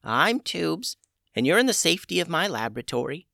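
A man voicing an old female witch healer who is brisk and matter-of-fact. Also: a little high, very animated, vocal fry, bright, forceful tone, no room sound, clean studio sound, pitched above the performer's own voice, full character voice.

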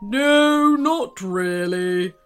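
A woman voicing a gloomy, grumbling giant volcano in a storybook reading, with a deep rumbling sound. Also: lively intonation, very slow, a bit bright, clean tone, soft background music. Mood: miserable. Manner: groaning, sighing, sorry for itself.

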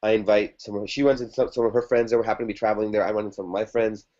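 Rapid-fire and fairly even in intonation, this guest's lowish, mellow voice rambles through the story of a past relationship on a podcast. He restarts often and leans on fillers, and the recording is lo-fi.

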